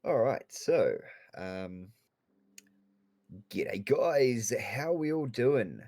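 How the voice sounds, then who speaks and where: A man's voice: mid-range voice, very animated, extremely slow, a little mellow, dry recording. A man with an Australian accent talking casually as a co-host on a live game stream, laid-back and rambling.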